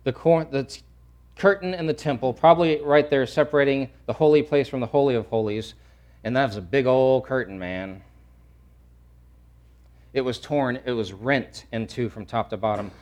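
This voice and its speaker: A man preaching a sermon, swinging from loud to hushed and repeating phrases for emphasis. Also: mid-range voice, moderate pace. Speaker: pastor.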